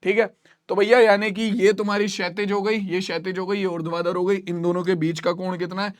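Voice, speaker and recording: A man with a high voice teaches a math lesson. He repeats each point and asks his students questions to check they follow. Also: flat delivery, a little fast.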